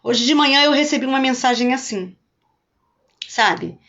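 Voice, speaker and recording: Uma pastora falando numa live devocional, conversando à vontade e cumprimentando os espectadores pelo nome. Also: female voice, high voice, normal speed, fairly bright tone, muffled recording. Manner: talks chattily and greets viewers by name. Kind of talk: live-streamed devotional talk.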